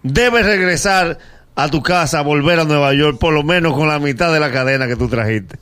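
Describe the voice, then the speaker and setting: High bright Dominican man teasing. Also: normal speed, clear, resonant tone. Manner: teasing, playful advice-giving with endearments. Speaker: radio show host. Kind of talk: comedic morning radio talk.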